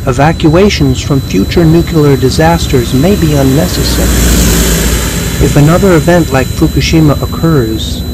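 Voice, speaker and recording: A man reading a news item in a measured, steady voice. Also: fairly high pitch, noisy background.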